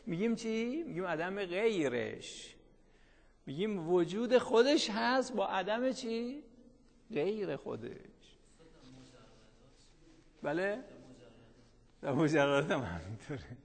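A man's voice: high-pitched, big pitch swings, vocal fry, long pauses. Lecturing man in a reverberant hall. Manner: keeps asking students rhetorical questions and answering them; reads out a line of the text, then explains it in colloquial speech. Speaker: teacher. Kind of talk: classroom lecture.

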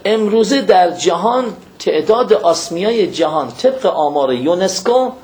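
A man's voice: high-pitched, low-quality recording. A man giving an informal religious lecture to believers, telling stories. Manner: animated storytelling, addresses listeners as believers.

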